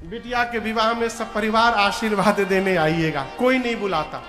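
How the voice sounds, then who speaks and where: High-voiced man telling a devotional story. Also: moderate pace, fairly bright tone. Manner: dramatic, voices characters, breaks into chant. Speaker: katha storyteller. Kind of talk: devotional story sermon with singing. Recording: echoey hall with music behind.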